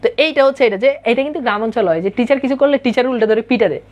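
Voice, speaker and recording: A woman's voice: on the high side, racing, dull audio. A woman, a teacher who reads old formal prose aloud and then explains it in casual speech, answering her students' live comments. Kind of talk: explaining a Bengali text line by line.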